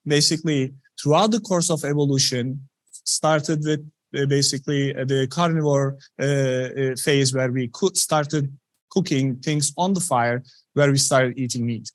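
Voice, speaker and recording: Scientist, man in his thirties, earnest and conversational public lecture, fairly high voice, dry close sound. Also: dry recording. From Turkey. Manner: earnest, conversational, many "you know" fillers. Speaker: scientist presenting research.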